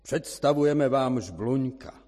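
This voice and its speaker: A man putting on a loud, proclaiming announcer voice that introduces a performer in a storybook dream. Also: mid-range voice, lightly acted. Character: booming unseen stage announcer voice. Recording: reverberant church hall.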